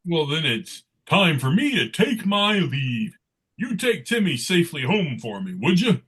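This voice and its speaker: A man voicing a jolly, gently scolding old Santa figure in a merry comic book table read. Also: fairly high pitch, sing-song, unhurried, breathy edge, heavily acted. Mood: genial.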